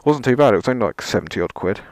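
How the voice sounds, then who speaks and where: A man's voice: mid-range voice, expressive, rapid-fire, darkish tone, no room sound. A man presenting a casual vlog gear test in a rambling, self-deprecating way, with dry sarcasm and some mild swearing. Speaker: motovlogger, presenter.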